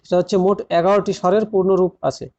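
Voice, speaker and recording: A man's voice: high voice, little pitch movement, rapid-fire, darkish tone, highs cut off. A man teaching an exam-prep grammar lesson, explaining step by step, repeating key points and speaking directly to his students.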